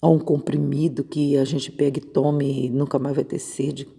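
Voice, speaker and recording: A woman's voice: a bass voice, flat delivery, normal speed, gravelly, warm tone, slightly rough, in a large hall. A woman missionary preaching an informal devotional on a Bible verse, conversational and often checking in with her listeners. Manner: conversational, keeps asking "né?".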